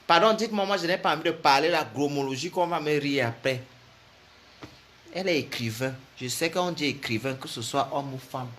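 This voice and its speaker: A man's voice: a little high, a little fast, fairly bright tone, a little hiss or hum. A man, delivering a comic, mocking rant as a vlogger, full of insults and laughter. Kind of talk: comic ranting monologue.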